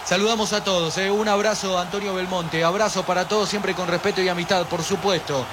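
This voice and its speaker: An Argentine man with a fairly high voice hosts a live pre-match football stream, animated and chatty as he reads out viewer messages. A steady hiss of noise sits under the whole recording. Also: brisk. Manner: animated, reads viewer chat aloud, pushes for likes.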